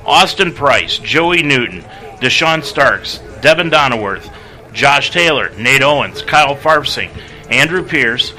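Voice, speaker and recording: A man calling a college football pregame radio broadcast as play-by-play announcer, briskly reading scores, stats and lists of names. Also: mid-range voice, lively intonation, bright, forceful tone, faint music behind, low-quality recording.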